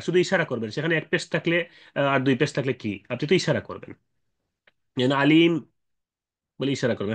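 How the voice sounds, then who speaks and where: A man teaching Quran recitation rules, explaining patiently with fillers and checking questions, and chanting drawn-out examples. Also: mid-range voice. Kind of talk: explanatory tajweed lesson.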